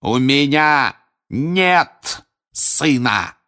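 A man voicing a hateful, stern older male judge who declaims and shouts harshly, in an audiobook. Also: on the low side, unhurried. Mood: raging. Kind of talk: audiobook character voice.

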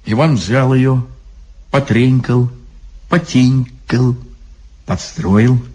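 A man narrating a story in an expressive, ironic storytelling manner. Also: mid-range voice, drawn-out words. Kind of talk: audiobook story reading.

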